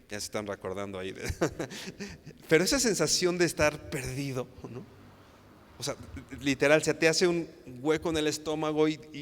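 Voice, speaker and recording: A Mexican man preaching a sermon in a smooth, resonant voice. He talks earnestly, repeats himself and trips over restarts. Long reverb trails behind him, as in a large church hall. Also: mid-range voice. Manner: earnest, repetitive, stammers and restarts, frequent tag questions.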